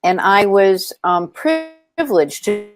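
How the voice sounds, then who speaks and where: A woman with a mid-range voice and big pitch swings speaks slowly, with faint music in the background. She founded a nonprofit and is being interviewed, telling stories earnestly with frequent ums and restarts.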